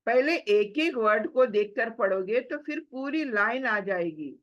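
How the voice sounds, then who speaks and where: A woman teaching Quran recitation rules slowly, drawing out syllables and answering her own questions. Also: a little high, animated, dull audio. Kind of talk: slow tajweed lesson, spoken and recited.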